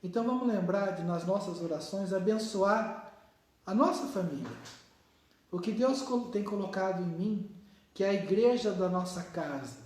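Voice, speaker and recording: Echoey distant Brazilian pastor preaching. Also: male voice, high voice, lively intonation. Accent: Brazilian Portuguese. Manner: earnest, plain-spoken preaching with pauses. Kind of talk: sermon. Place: church hall.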